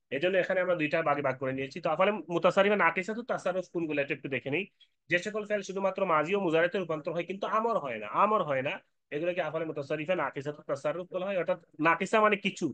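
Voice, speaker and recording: A man's voice: sits high, fairly bright tone, dry recording. A man teaching an Arabic grammar lesson from a sheet, repeating terms and reciting lists of word forms.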